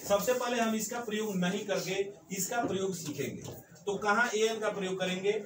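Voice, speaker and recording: A man's voice: high voice, fairly quick. A man teaching an English grammar lesson, emphatic and repetitive, often adding "sir" as he drives his points home. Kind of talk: classroom-style grammar lesson. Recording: echoey room, mic far off, background noise.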